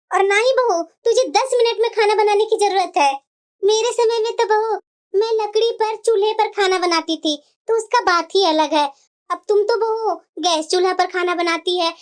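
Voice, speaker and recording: A woman's voice: very high-pitched, pitched below the performer's own voice. A woman voicing a fussy old mother-in-law. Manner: scolding, coaxing, repeats "bahu". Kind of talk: cartoon voice acting.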